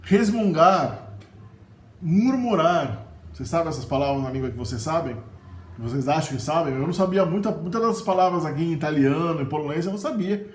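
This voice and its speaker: A fast-talking middle-aged man with a fairly high voice and a Brazilian Portuguese accent gives a casual vocabulary lesson on video. He's chatty, constantly adding "né?" in a questioning way. The sound has a roomy echo and faint ambience.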